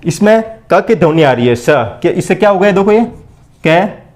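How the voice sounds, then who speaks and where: A man with a fairly high voice teaches an exam-prep lesson while writing. He drills every point by asking the class and answering it himself. The sound of him writing is heard behind him. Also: lively intonation, moderate pace, darkish tone. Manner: call-and-response drilling, repeats questions and answers; keeps addressing listeners as friends. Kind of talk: blackboard lesson for exam preparation.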